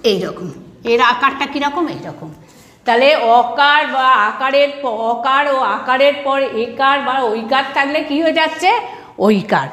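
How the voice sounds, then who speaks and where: Teaching grammar online, this primary school teacher, who has a Bangladeshi Bengali accent, asks questions, answers them herself, and goes over each rule again. She has a high, fairly bright, expressive voice and speaks unhurriedly. The sound is reverberant.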